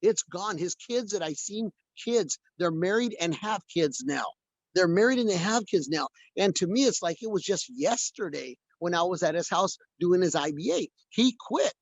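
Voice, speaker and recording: A man's voice: high-pitched, lively intonation, normal speed, no room sound. A man leading a video call, giving a motivational talk to his sales team and repeating phrases for stress.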